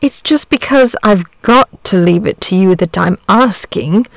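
A woman voicing a big blue storybook dragon, a lazy, vain gentleman with a chatty, fussy, old-fashioned politeness. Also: medium pitch, expressive, moderate pace, no room sound, lightly acted. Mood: testy, resigned. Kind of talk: storybook character voice.

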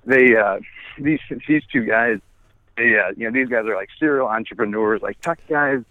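A man's voice: mid-range voice, moderate pace, dry recording. A man in his forties calling in by phone while walking his dog, talking casually with many restarts and plenty of swearing. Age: 40s. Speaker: guest app founder. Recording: tinny phone line.

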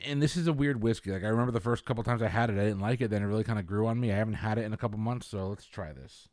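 A man's voice: on the low side, very fast, a little mellow, no room sound, clean studio sound. A young adult man hosting a casual online show, upbeat and joking in easy conversation with friends. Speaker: host. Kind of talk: casual chat.

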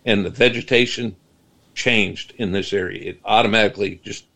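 A middle-aged man with a low, gravelly voice talks as a guest on a casual podcast. He stumbles and repeats words before settling into long explanations. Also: steady tone, a bit bright. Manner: halting, repeats words, then explains at length. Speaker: guest Bigfoot researcher.

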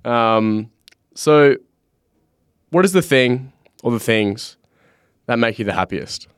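A man's voice: mid-range voice, expressive, slow, smooth, no echo, studio quality. A young man with a broad Australian accent, co-hosting a podcast in a laid-back, matey, slangy way. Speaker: podcast co-host. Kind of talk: casual podcast chat.

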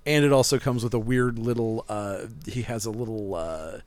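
A man's voice: fairly low pitch, normal speed, darkish tone, no room sound. A man co-hosting a casual podcast, talking eagerly and rambling about comics and toys, often laughing. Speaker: podcast co-host, comic shop worker. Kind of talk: casual chat.

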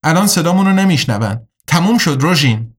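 A man voicing a sharp, determined young woman in an audiobook, speaking in an earnest, urgent way. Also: deep voice, lively intonation.

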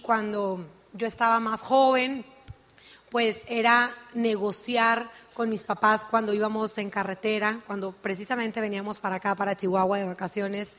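A woman's voice: mid-range voice, fairly bright tone. A young woman tells her personal story to an audience at a business event, speaking earnestly and often saying "pues". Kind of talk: personal story told on stage.

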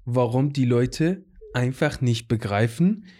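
A man's voice: mid-range voice, lively intonation, slow, darkish tone. A man who learned German as a second language, talking earnestly in a casual conversation, often restarting his sentences. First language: not German. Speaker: conversation partner, refugee. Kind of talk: casual chat.

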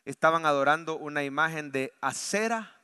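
A man with a Salvadoran Spanish accent preaching a sermon in church, telling a story softly, then rising to loud, fervent exhortation. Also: a little high, normal speed, smooth. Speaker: pastor. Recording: long hall reverb.

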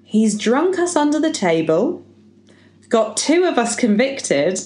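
A woman co-hosting a podcast, reading a birthday speech aloud with laughs and lively emphasis. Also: a little high, slow pace, echoey room. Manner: animated, laughing reader. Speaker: podcast co-host.

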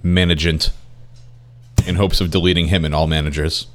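A man's voice: very deep voice, steady tone, quick pace, slight background noise. A man playing a tabletop game, blunt and joking as he declares his moves. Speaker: player.

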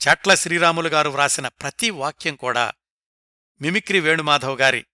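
A man reading a scripted biographical narration in a measured way, slowing down to recite quoted verse. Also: fairly high pitch, sharp tone, no echo, clean studio sound.

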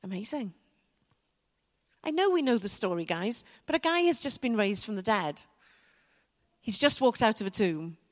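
A woman preaching a sermon to her church, reflective and measured, with soft dramatic pauses. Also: medium pitch, sing-song. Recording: church hall with long reverb.

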